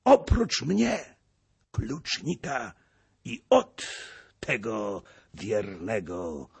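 A man voicing a grim, vengeful old male servant, declaiming in rhymed verse with a husky voice. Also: on the low side, wildly swooping pitch, very slow, exaggerated voice. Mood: bitter.

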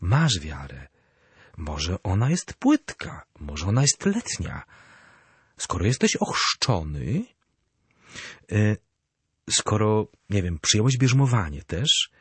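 Husky, animated priest teaching faith. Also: male voice, fairly low pitch, no echo. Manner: animated storyteller; addresses listeners directly. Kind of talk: catechism talk.

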